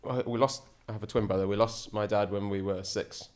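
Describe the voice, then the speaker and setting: Deep-voiced man, chatty guest. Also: fairly even intonation, a little fast, darkish tone. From England. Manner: enthusiastic, rambling with frequent restarts. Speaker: podcast guest, ocean sailor. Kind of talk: casual interview chat.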